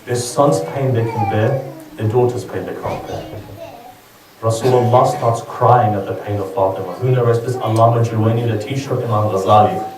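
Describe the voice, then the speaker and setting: A man's voice: fairly low pitch, steady tone, moderate pace, far from the mic, crowd noise. Man preaching in an echoey hall. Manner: emotional, pleading, with repeated lines. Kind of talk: sermon.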